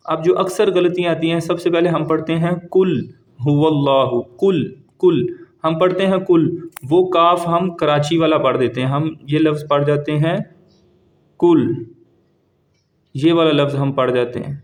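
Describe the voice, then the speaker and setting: A man teaches a step-by-step tajweed lesson in a voice a little higher than most men's. He explains each rule plainly, then recites the words slowly and stretches them out, repeating them so a learner can follow. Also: steady tone.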